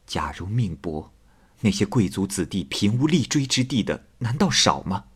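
A man voicing a modest young lady who speaks softly and slowly in a storybook retelling. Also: on the low side, sing-song, husky. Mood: subdued. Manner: soft, slow, subdued.

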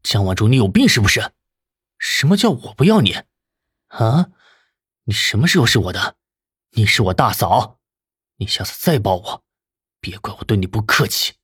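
A man's voice: lowish voice, very animated, normal speed, long pauses, fairly bright tone, breathy edge, no echo, clean studio sound, exaggerated voice. An actor playing a cold, contemptuous young man in an audiobook drama, with an icy, scornful delivery.

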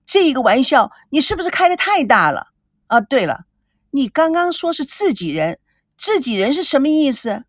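A woman's voice: high voice, sing-song, normal speed, no room sound, studio quality, pitched above the performer's own voice. A woman voicing a spoiled, angry young woman who scolds and interrogates sharply in an audiobook. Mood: scolding. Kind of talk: audiobook character reading.

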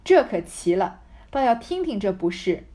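A woman's voice: medium pitch, very animated, moderate pace, warm tone, close to an everyday voice. A woman reading the lines of an elderly matriarch grandmother who teases and commands with a laugh. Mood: teasing.

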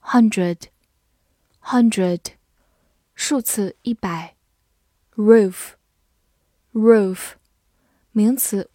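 A woman's voice: medium pitch, mellow, no room sound, clean studio sound. A woman teaching English vocabulary. She reviews it word by word, saying each word twice and then listing its parts of speech and meanings.

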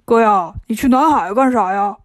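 A woman's voice: mid-range voice, normal speed, no room sound, clean studio sound, pitched below the performer's own voice, natural voice. A woman voicing a lazy, grumbling male pig monk in a storybook reading, whiny and complaining.

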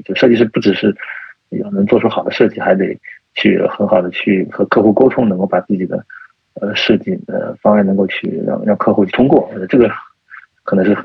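Man, podcast guest, hesitant, lots of fillers, lower voice, dry dull recording. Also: vocal fry, husky, dry recording. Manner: hesitant, many fillers and restarts. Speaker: guest, type researcher. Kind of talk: casual podcast conversation. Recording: dull lo-fi sound.

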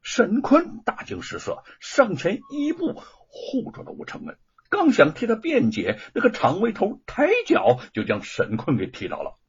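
A man narrating a novel as an expressive storyteller. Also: normal speed, slightly rough. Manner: expressive storytelling with swooping pitch. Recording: dull lo-fi recording.

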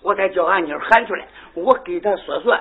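A man's voice: high voice, fast, husky. A man doing a brash bawdy old peasant mother. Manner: loud and brash, repeats phrases teasingly. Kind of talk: folk comic ditty duet. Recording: tinny lo-fi phone-like sound.

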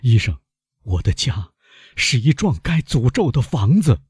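A man's voice: mid-range voice, big pitch swings, a little slow, a little mellow, husky, no room sound, clean studio sound, pitched above the performer's own voice, full character voice. A man voicing a desperate middle-aged prosecutor who cries out in alarm. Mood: frantic. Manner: desperate, crying out.

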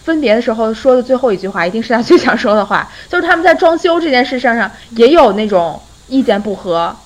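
Lively young woman podcast host. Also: fairly high pitch, fast, rough recording. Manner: lively, often breaks into laughter while retelling. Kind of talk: casual storytelling chat.

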